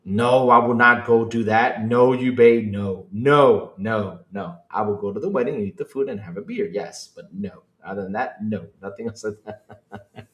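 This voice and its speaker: A man from the Dominican Republic hosting a casual gaming podcast stream, animated and laughing, moving from loud outbursts to mumbled asides. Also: lowish voice, normal speed, echoey room. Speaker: podcast host. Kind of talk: casual livestream chat.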